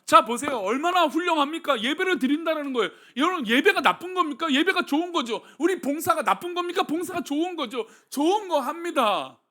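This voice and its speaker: A male pastor delivers a sermon with a very high voice that leaps up and down animatedly. He keeps asking his congregation questions, moving between quiet, soft passages and loud, emphatic ones. His tone is bright and forward. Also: expressive, brisk, few pauses. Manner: preaching with rhetorical questions to the congregation. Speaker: senior pastor.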